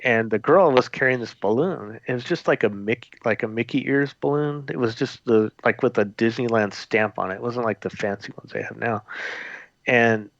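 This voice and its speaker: A man's voice: mid-range voice, normal speed, creaky, no room sound. A man, a former theme park custodian, telling a story in a conversational, rambling way with many fillers and restarts. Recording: dull lo-fi audio, dry.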